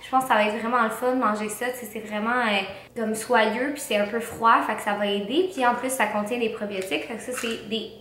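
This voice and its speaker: A woman's voice: fairly high pitch, steady tone, a little fast, hardly any pauses, fairly bright tone. Young Québécois woman, mouth swollen from dental surgery. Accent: Québécois French. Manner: slangy, peppered with English words. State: mouth swollen after wisdom teeth removal, limited jaw opening. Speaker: vlogger. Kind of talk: casual vlog chat. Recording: roomy echo, faint background noise.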